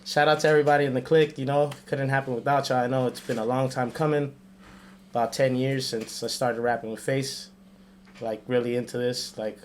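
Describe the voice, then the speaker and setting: A man's voice: mid-range voice, steady tone, brisk, slight background noise. A man, a rapper and podcast regular, talking loosely in a casual podcast chat and laughing between phrases.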